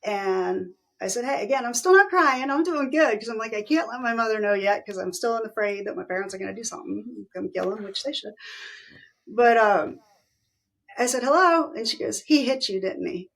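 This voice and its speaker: A middle-aged woman telling a personal story as an interview guest, animated, acting out the voices of people she quotes. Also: on the high side, normal speed, vocal fry.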